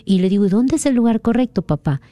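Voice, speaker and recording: A woman's voice: fairly high pitch, fast talker, no echo. Woman from Peru telling a dream. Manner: earnest, animated retelling of a dream. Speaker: guest sharing a testimony. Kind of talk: conversational storytelling.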